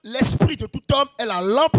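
A fervent preacher with a West African French accent, his voice set unusually high for a man. He delivers his sermon in short, lilting bursts and often rises to a shout. Faint music plays beneath him. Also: animated, normal speed. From Togo. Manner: fervent, calls out phrases in bursts with a sing-song lilt. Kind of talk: sermon with interpreter.

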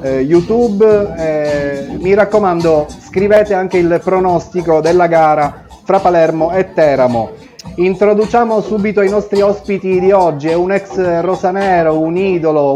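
Man, 30s, TV sports host, chatty, hesitant fillers, higher pitch, slightly muffled sound. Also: dark tone. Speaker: studio host. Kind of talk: live pre-match sports talk show. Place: TV studio set.

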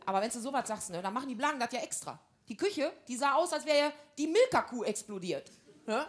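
Brash comedic housewife, higher voice. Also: female voice, expressive, a little fast. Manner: brash, gossipy housewife banter in broad slang. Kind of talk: stand-up comedy monologue.

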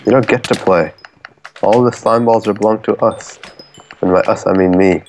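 A man's voice: on the low side, moderate pace, a little mellow, a little hiss or hum. A man co-hosting a casual game session, with dry, teasing banter. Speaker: let's play co-host. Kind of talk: casual gameplay chat.

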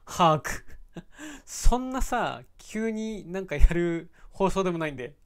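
A man's voice: sits high, slow. Casual man streaming, reading chat. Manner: relaxed, chatty, thinks aloud. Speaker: live streamer. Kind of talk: casual live-stream chat, reading viewer comments aloud.

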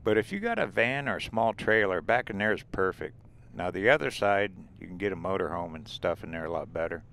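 Driving desert roads in his vehicle, an RV-travel vlogger talks in a deep, creaky voice at a brisk clip. He rambles in a relaxed way and points out sights as he goes, and there's slight hiss or hum on the recording.

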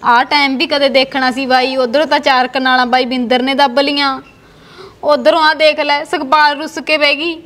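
Woman doing worried sister, caring, kinda high voice. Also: level tone, normal speed, fairly bright tone. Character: concerned married sister, practical and caring. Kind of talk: village family drama acting.

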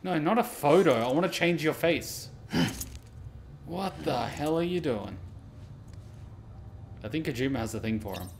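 Pausing often and never hurrying, this streamer narrates his gameplay live, swearing, asking questions, exclaiming and reading on-screen text aloud. His voice sits on the high side, expressive and a little mellow, with noise in the background.

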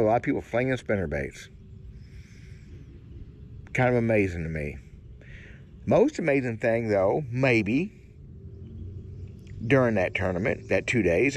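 A man's voice: mid-range voice, vocal fry, slight background noise. An older man, musing in a folksy, rambling way while sitting in a kayak in a swamp. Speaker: fishing vlogger. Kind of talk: casual outdoor musing. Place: kayak in a cypress swamp, outdoors.

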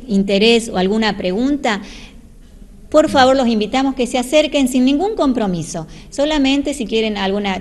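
A woman's voice: fairly high pitch, a little mellow. A woman in her forties giving an earnest local TV interview in a church hall, speaking into a handheld mic and inviting people in. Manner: earnest, inviting, slips into preaching. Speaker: church volunteer. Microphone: handheld reporter mic.

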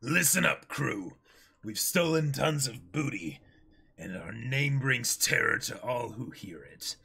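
A man plays a theatrical pirate captain, a clown with a short temper. He rants in a forceful, rough voice that swings up and down, as in a cartoon read aloud. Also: mid-range voice, animated, slow pace, pitched below the performer's own voice, full character voice. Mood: menacing, commanding. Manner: theatrical, ranting.

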